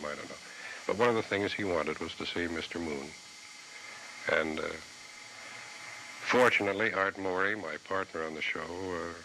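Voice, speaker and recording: A middle-aged man, a former children's TV host, recalling the old days in an interview, reflective and halting with fillers. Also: deep voice, pushed and bright, slight background noise, low-quality recording. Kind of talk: interview recollection.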